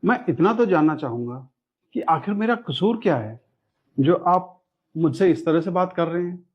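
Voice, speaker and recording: An actor playing a gentle, humble father-in-law who pleads softly and politely, recorded with dull lo-fi sound. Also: on the high side, animated, normal speed, lightly acted. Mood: pleading.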